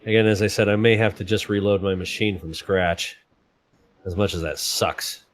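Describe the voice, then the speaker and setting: A man's voice: lowish voice, fairly even intonation, normal speed, no room sound. A man hosting a casual livestream, joking and laughing often while he rambles about fixing his computer. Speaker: livestream host. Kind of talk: casual stream chat.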